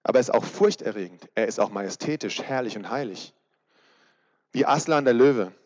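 A man's voice: mid-range voice, expressive, fairly quick, darkish tone. A man preaching a casual youth sermon, chatty and asking his listeners direct questions. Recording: reverberant hall, dull sound.

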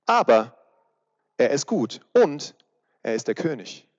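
A man's voice: on the high side, sing-song, slow. A man reading aloud as a male talking beaver from a storybook, insistent and explaining, in a reverberant, dull-sounding hall.

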